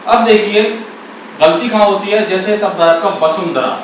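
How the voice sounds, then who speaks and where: Guy teaching grammar in a super echoey room, mic pretty far off, slightly high voice. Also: moderate pace, slight background noise. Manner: asks and answers his own questions. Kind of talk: classroom-style explanation.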